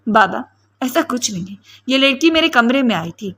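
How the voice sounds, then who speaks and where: A woman's voice: on the high side, expressive, a bit bright. A woman reading the lines of a harsh, aggressive young man in an audiobook. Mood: defensive.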